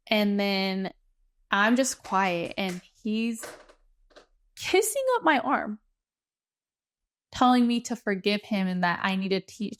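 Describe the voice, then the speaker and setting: A woman's voice: medium pitch, clean tone. Woman telling a wild story, swearing. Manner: animated, swearing, acting out quotes. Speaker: mukbang host. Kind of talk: casual storytelling over a meal.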